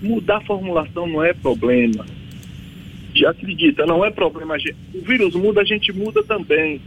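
Husky Bahian Brazilian man, higher-pitched voice. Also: animated, brisk, phone-quality sound. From Bahia backlands, Brazil. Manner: emphatic, colloquial, checks listener understands. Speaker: vaccine researcher, interview guest. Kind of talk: informal expert interview.

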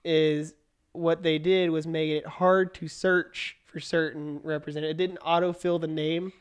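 A man's voice: fairly high pitch, little pitch movement, normal speed, clean tone. A man co-hosting a casual political chat podcast, talkative and opinionated, often restarting his sentences. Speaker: podcast co-host.

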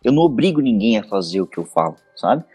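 A man with a Brazilian accent talks casually as a podcast guest, slipping into acted-out scenes while he explains. His voice is slightly husky, with faint music in the background. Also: on the low side, fast. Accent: Brazilian Portuguese. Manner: animated storyteller acting out scenes. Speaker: podcast guest, intimate audio creator.

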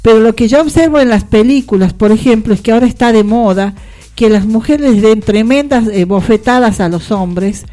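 A woman's voice: on the high side, normal speed, warm tone, faint music behind. A woman hosting a radio talk show, giving her opinions in broad, sweeping appeals. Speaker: radio host.

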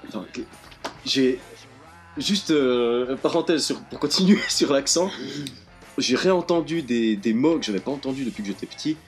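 A man's voice: medium pitch, expressive, normal speed, faint music behind. A young man, co-hosting a podcast and leading segments in a teasing casual chat. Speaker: podcast co-host.

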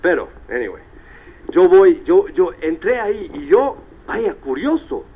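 Male motivational speaker, lively storytelling with English asides; slightly high voice, dull lo-fi live recording. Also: measured pace, slightly rough. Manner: animated storyteller, peppers Spanish with English tags like "right?" and "all right". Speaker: motivational speaker at a business convention. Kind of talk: live motivational speech to an audience.

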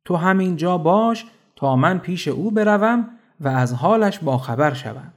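A man's voice: sits high, expressive, voice pushed up. A man voicing a grave and just male ruler in a children's storybook, speaking earnestly. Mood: troubled. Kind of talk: storybook narration.

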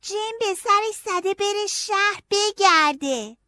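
A woman's voice: very high-pitched, lively intonation, bright, forceful tone, no echo, clean studio sound, voice pushed up, heavily acted. A woman voicing a bold, stubborn little girl who speaks firmly and insistently in a storybook reading. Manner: firm, insistent.

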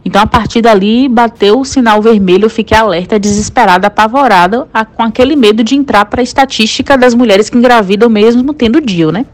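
A woman's voice: fairly high pitch, fairly quick, few pauses. A young woman from Brazil with a Brazilian Portuguese accent, animatedly retelling a personal story to a friend with dramatic exclamations.

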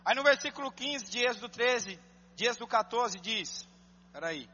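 A Brazilian man preaching a sermon as pastor, moving between calm scripture reading and loud, fervent exhortation, and acting out talks with church members. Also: very high voice, normal speed, in a large hall, lo-fi sound, slight background noise. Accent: Brazilian Portuguese. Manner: acts out dialogue with congregants.

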